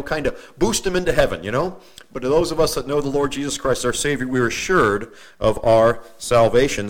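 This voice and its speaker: A man preaching a sermon, mixing folksy stories with slow, careful readings of scripture and correcting himself as he goes. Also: medium pitch. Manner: homespun asides and self-corrections, slows for scripture reading.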